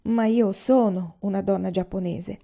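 A woman reading a novel aloud and voicing a quiet Japanese wife who speaks softly and sweetly but will not give way. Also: medium pitch, fairly even intonation, unhurried, creaky. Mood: reserved. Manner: soft, sweet and unyielding. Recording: slightly dull lo-fi recording.

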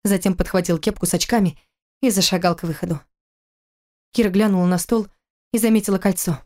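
A woman narrating an audiobook in a steady, even storytelling manner. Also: medium pitch, brisk. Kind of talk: scripted narration.

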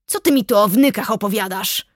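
A woman voicing a huge, bearded, hot-tempered male forester who shouts in rough rustic speech, in an audiobook reading. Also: mid-range voice, fairly quick, no room sound, natural voice. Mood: gruff jovial. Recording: dry close studio sound.

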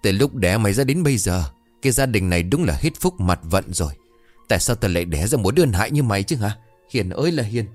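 A man voicing a shrill, abusive middle-aged mother who screams curses at her daughter in rapid tirades. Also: expressive, darkish tone, dry recording, faint music behind. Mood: screeching, abusive. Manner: cursing, screeching, rapid tirades.

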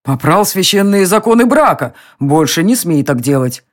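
A woman's voice: fairly low pitch, animated, normal speed, lightly acted. A woman voicing an exasperated elf king who grumbles and hastily placates his wife in a storybook reading. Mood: gruff.

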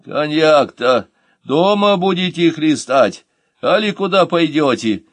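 A loud, scolding old nanny, as a male audiobook reader puts her on, her voice pushed up higher and swinging through a lively range. She grumbles in a folksy, no-nonsense way, and the recording is close and dry. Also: takes it slowly, dry recording. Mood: grumbling. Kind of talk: audiobook character voice.

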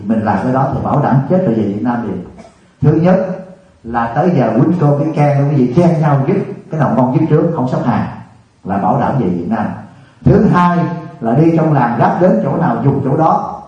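Monk guy from vietnam giving a chatty sermon, lots of questions to the crowd, far off in a super echoey hall. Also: mid-range voice. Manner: colloquial, animated, rhetorical questions. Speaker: Buddhist monk teacher. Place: retreat hall. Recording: distant, echoey, dull room recording.

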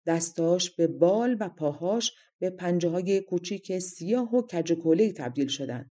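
A woman reading a fairy tale aloud in a calm, measured pace. Her voice sits on the low side and sounds warm and mellow. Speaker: storyteller. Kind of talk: audiobook narration.

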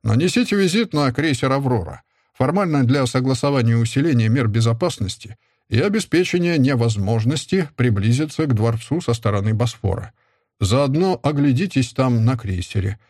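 A man narrating a first-person audiobook in a measured, even manner. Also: medium pitch, no echo, studio quality.

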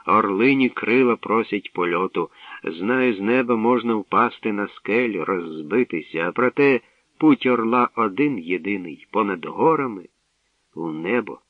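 A man voicing a wise old bard who speaks in measured, sage-like sayings, in a tinny, distant radio recording. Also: lowish voice, animated, no echo. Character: wise old male bard, calm and sly.

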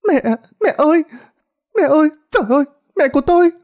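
A man's voice: extremely high pitch, fairly quick, darkish tone, voice pushed up. A man doing a wailing pregnant young woman. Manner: wailing, desperate.

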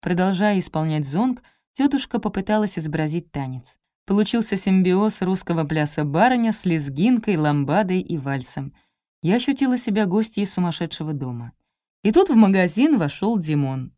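A woman narrating a comic detective audiobook in the first person, lively and expressive, on a close studio mic. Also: fairly low pitch, normal speed, dry recording.

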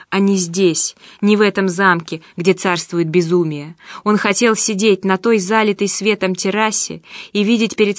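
Brief: female audiobook narrator, measured delivery, mid-range voice, dry studio sound. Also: mid-range voice, no room sound. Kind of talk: scripted narration.

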